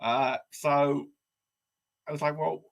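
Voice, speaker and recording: A man co-hosting a podcast, telling a story in a wry, self-deprecating, animated way. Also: mid-range voice, moderate pace, creaky, husky. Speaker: podcast co-host. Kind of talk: casual storytelling chat.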